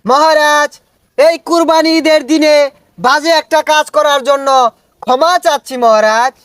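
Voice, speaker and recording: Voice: high voice, fairly even intonation, moderate pace, fairly bright tone, no echo, clean studio sound. An actor playing a fawning male minister in a comic skit, speaking. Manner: fawning, says 'Maharaj' again and again.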